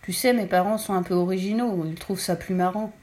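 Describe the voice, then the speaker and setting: A woman's voice: medium pitch, fairly even intonation, a little fast, darkish tone, lightly acted. A woman voicing a young vampire boy who talks plainly and digs in his heels. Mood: explaining.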